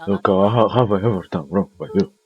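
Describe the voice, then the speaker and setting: A man's voice: low-pitched, brisk, close to an everyday voice. A man voicing a grown male captive who coaxes kids into freeing him, read over a dull mic with faint music behind. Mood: coaxing. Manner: coaxing, reassuring.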